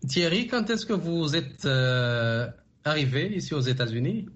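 A man hosting a radio interview program, asking formal, measured questions with frequent pauses. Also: fairly high pitch, lively intonation, a bit bright, a little hiss or hum. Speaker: radio show host.

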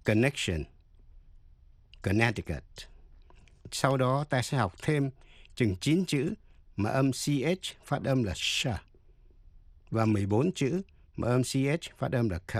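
A man's voice: mid-range voice, lively intonation, measured pace. A man teaching an English lesson on the radio, explaining pronunciation carefully and spelling words out letter by letter.

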